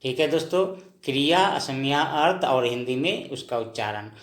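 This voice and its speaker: A man teaching a language lesson, explaining words slowly and repeating each one, often checking in with his viewers. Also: mid-range voice, expressive, fairly bright tone, roomy sound. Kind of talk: slow spoken lesson, explaining word by word.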